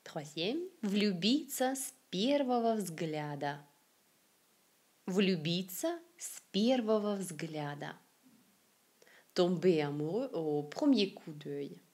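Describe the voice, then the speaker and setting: Slow, breathy woman teaching language. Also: fairly low pitch, expressive, a little mellow. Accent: Russian. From Siberia, Russia. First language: Russian. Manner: repeats each phrase slowly and clearly. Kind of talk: slow, careful language lesson with repeated example phrases.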